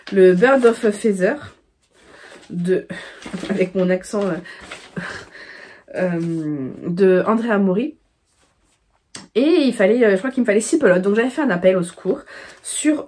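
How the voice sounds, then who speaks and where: A woman from France hosts her own knitting video, talking to the camera at home. She rambles loosely, full of fillers and restarts, in a middle-pitched voice. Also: a little mellow. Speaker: knitting podcast host. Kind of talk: casual chat.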